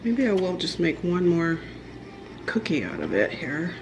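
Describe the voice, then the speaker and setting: A woman's voice: on the low side, big pitch swings, unhurried, background noise. A woman chatting casually in her home kitchen as she bakes cookies for her vlog, rambling with many fillers and restarts. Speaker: vlogger. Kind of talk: casual baking vlog chat.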